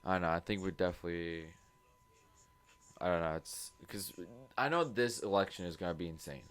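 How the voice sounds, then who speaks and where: Deep-voiced young man, rambling and tipsy. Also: fairly quick, a bit bright, clear, resonant tone. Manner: rambling, circles back with lots of fillers. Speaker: podcast co-host. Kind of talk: casual chat.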